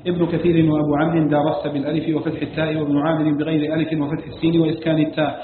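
A man reading a classical text aloud to a teacher in a fast, flat recitation, listing one item after another. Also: fairly high pitch. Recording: tinny, echoey hall recording with hiss.

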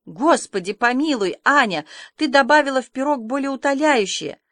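A woman voicing a stern but fair older spinster in an audiobook reading, brisk and scolding. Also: sits high, lively intonation, fairly bright tone, no room sound, clean studio sound, voice pushed up. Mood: alarmed scolding.

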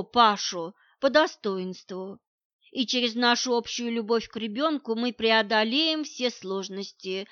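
A woman tells a first-person story as audiobook narration, lively and expressive. Her voice is fairly high and sounds dry and close. The recording is dull and lo-fi. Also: dry recording.

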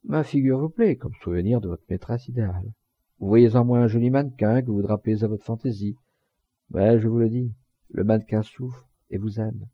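A man voicing a heartbroken young German girl who reproaches her lover in a slow, soft-spoken reading. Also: fairly low pitch, breathy edge, dry recording, dull audio. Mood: hurt, tender.

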